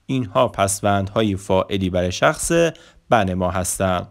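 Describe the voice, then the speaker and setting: A man who speaks as his teaches a Turkish grammar lesson, often saying "look" and slowing down to pronounce the example sentences. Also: low voice. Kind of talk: explanatory language lesson.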